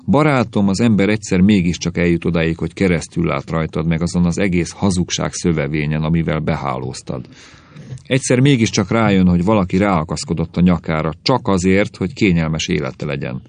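A man's voice: low-pitched, a little mellow, no room sound. A man voicing a scornful, bitter middle-aged husband who lectures and sneers, in an audiobook reading. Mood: sneering.

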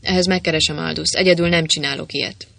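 A man voicing a grim, gray-haired gang boss who talks gruffly, bellowing threats. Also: a little high, fairly even intonation, sharp tone.

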